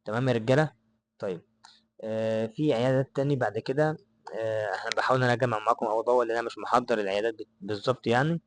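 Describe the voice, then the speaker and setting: A young Egyptian man talks at a very fast clip in a mid-pitched voice. He explains things off the cuff, circling back and often checking that his listeners are following. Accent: Egyptian Arabic. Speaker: advice vlogger. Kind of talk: unscripted explainer to camera.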